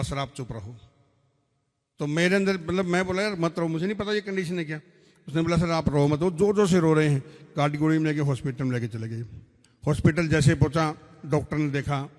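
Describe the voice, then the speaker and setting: A veteran soldier giving an earnest, blunt talk to an audience, telling his own story. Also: on the high side. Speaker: army veteran speaker. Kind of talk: speech to an audience. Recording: reverberant hall.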